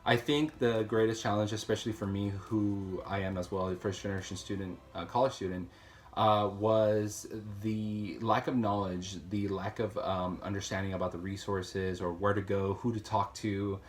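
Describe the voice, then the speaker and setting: A man in his twenties, a student advocate, speaking hesitantly with many pauses in a testimonial interview. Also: on the low side, little pitch movement, a little hiss or hum. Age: 20s. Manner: hesitant, lots of fillers.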